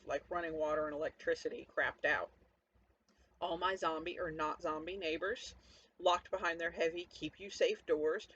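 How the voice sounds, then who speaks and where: In character as a toughened, sarcastic zombie-apocalypse survivor, a narrator tells the story in first person directly to the listener. The delivery is conversational, cynical, and defiant, in a natural, slightly bright voice of middling pitch. The recording sounds dull and lo-fi, with a faint background hum of noise.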